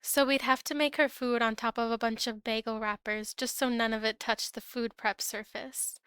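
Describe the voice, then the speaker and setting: Canadian woman doing a chatty storytime, super clear smooth voice, kinda high, dry close recording. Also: fairly even intonation, moderate pace, fairly bright tone, no echo. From Ontario, Canada. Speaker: storyteller recounting past food service work. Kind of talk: casual storytime narration.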